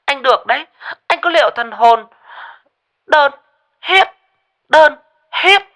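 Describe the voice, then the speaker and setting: Man doing jealous young girlfriend, high falsetto, loud, menacing, storybook. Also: lively intonation, takes it slowly, full character voice.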